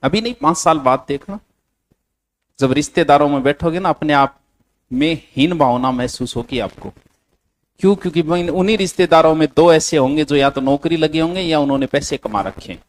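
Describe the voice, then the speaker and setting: A man's voice: on the high side, normal speed. A man with a Rajasthani accent teaching a coaching class, dictating notes and bluntly scolding his students.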